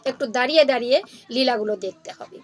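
A woman narrating a devotional story in an animated way, acting out each character's lines. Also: on the high side, quick pace.

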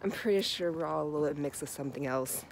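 A thirties-aged American woman vlogs casually, her voice low, fast and creaky. She's chatty and keeps correcting herself, filming on a phone held at arm's length as she walks outdoors and rides in a car. The phone recording is noisy.

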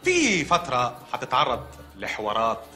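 A deadpan hospital doctor. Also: male voice, medium pitch, moderate pace, soft background music. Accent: Egyptian Arabic. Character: deadpan hospital doctor delivering odd news. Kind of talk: comedy film acting.

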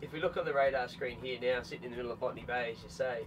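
A man in his thirties with an Australian accent, explaining equipment in a relaxed, matter-of-fact way on a boat deck. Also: mid-range voice, rapid-fire, background noise. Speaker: product representative. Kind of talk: casual technical explanation. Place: open deck of a boat on a bay, outdoors. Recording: slightly distant from mic, music underneath.

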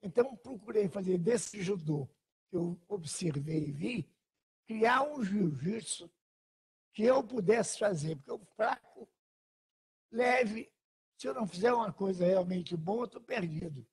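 An older man with a husky, breathy voice, mellow and dark in tone and set higher than most men. He recalls things slowly and deliberately. The audio comes from an archival television interview. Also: lively intonation. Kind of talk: recorded interview.

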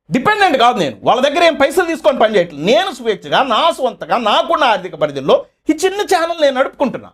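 A man's voice: very high voice, a bit bright. A man, running his own channel and delivering a fiery, accusatory political commentary full of rhetorical questions.

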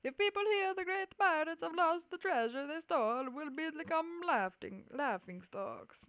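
Woman as a pompous pirate chief, hammy Italian accent, slow and theatrical, pitched high, game read-along. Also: animated, a bit bright. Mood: commanding. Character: bossy female pirate leader with a mock Italian accent.

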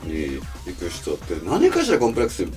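A man's voice: deep voice, wildly swooping pitch, a little fast, distant mic. A middle-aged man interviewing in a casual, joking, conversational way. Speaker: interviewer, host. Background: background music.

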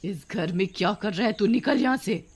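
A woman's voice: lowish voice, normal speed, lightly acted. A young woman turned witch in a cartoon tale, full of grief and fire, as a woman plays her. She snaps at strangers and does not back down. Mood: furious. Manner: tearful, then scolding and fiery.

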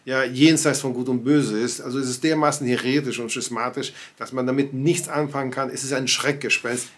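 This church-affairs commentator, a native Spanish speaker in his sixties, talks to camera from a home study lined with bookshelves and pictures. His mid-range voice has a bit of brightness, and he often uses fillers and starts sentences over.

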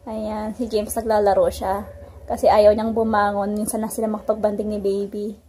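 A woman in her thirties vlogs her day at home and out in the backyard, chatting to a handheld phone camera while she does chores. Her mid-range voice is mellow and level, at a normal speed, with slight background noise in the house-and-yard setting of this casual home vlog.

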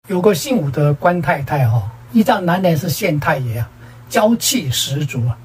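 A woman's voice: low-pitched, very animated, a little mellow, slight background noise, rough recording. A woman telling a string of short jokes as a show host, stretching the particles at the ends of her phrases. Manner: drawn-out particles at phrase ends, sing-song. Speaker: joke teller, show host. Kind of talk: storytelling jokes.

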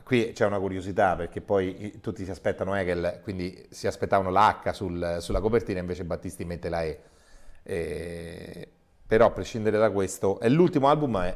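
A man hosting a talk show about books, chatty and quick to agree. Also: sits low. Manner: agreeable, chatty, frequent affirmations. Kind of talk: casual chat.

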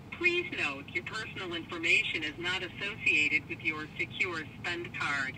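A high-pitched male automated phone menu voice, its prompts spliced together from separate recordings and read in an even, scripted way. It plays from a phone speaker that sounds distant from the mic. Clear noise sits under it inside a car. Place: car, played over a phone.

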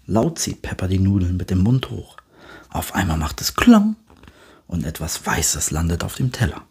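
A man reads a children's story aloud with animated delivery. His voice is very breathy and husky, and his pitch rises and falls widely. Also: normal speed. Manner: animated, often slips into whisper. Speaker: storybook reader.

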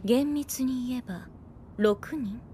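A haughty, highish-voiced teenage girl. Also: slow pace, background noise. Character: haughty, sharp-tongued teenage girl in an anime. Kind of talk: Japanese anime acting. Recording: music behind voice.

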